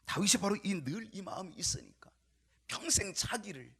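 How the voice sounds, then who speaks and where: A male pastor preaching a sermon, emphatic, with repeated rhetorical questions to the congregation and sometimes dropping to a hushed whisper. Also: sits high, sing-song, moderate pace, vocal fry, slightly rough. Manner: drops to a hushed whisper at times.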